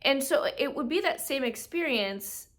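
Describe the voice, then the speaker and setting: A woman's voice: high voice, expressive, moderate pace, fairly bright tone. A woman hosting a solo business podcast, talking conversationally and checking in with rhetorical questions like "right?", now and then acting out customers' voices in quoted asides. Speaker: podcast host, business coach.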